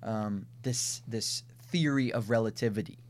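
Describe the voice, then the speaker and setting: A man's voice: on the low side, a little slow. A man with a Minnesota accent, co-hosting a conversational podcast and explaining ideas step by step, often thinking aloud through restarts and lists. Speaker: podcast co-host. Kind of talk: casual conversational podcast discussion.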